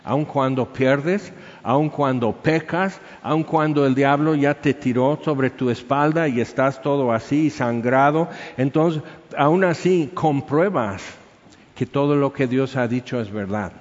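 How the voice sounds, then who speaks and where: A man preaching a sermon, telling stories in a lively way and acting out little scenes as he goes. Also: medium pitch, measured pace. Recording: echoey hall, dull sound.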